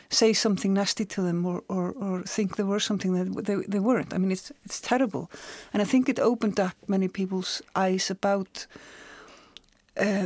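Woman, interview guest, mid-pitched voice, dry studio sound, restarts her phrases. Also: no echo. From Iceland. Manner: thoughtful, repeats words as she searches for them. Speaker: author and journalist guest. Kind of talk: conversational interview.

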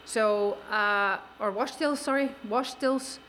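A woman's voice: mid-range voice, slow, fairly bright tone, a little hiss or hum, rough recording. Chatty woman explaining at a distillery. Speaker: distillery worker. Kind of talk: radio interview answers. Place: working distillery.

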